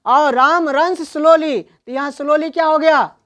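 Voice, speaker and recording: A woman teaching an online English grammar lesson, asking questions and answering them herself, and reading out English examples slowly. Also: high-pitched, fairly bright tone. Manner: explains in Hindi, reads English examples slowly.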